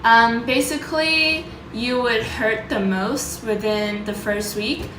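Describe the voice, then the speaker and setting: A woman vlogger talking informally about her own experience, loosely worded and pausing to search for words. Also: on the high side, echoey room, background noise. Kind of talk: casual vlog talk, sharing personal experience and tips.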